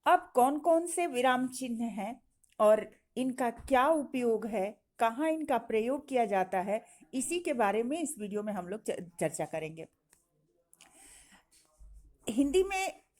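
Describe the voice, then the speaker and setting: A woman teacher giving an online grammar lesson, explaining slowly with pauses and fillers. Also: a little high, expressive, a little mellow. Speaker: Hindi teacher.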